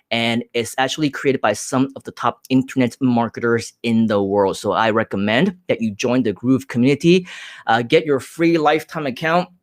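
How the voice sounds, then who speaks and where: A man's voice: medium pitch, no echo, clean studio sound. A man from Hong Kong hosting a live stream, answering viewer comments in an upbeat, direct way with frequent filler sounds.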